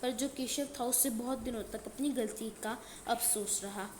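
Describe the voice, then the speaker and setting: A woman teacher reading a textbook story aloud and retelling each line in simpler words. She pauses often with filler sounds. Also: on the high side, steady tone, darkish tone, roomy sound, a little hiss or hum.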